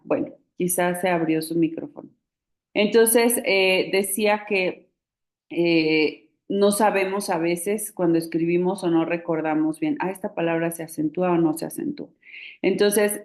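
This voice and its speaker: A woman's voice: on the low side, a little mellow. Patient woman teacher on a video call. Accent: Mexican Spanish. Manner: patient, explains step by step with many fillers. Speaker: writing instructor. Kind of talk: online class teaching spelling rules.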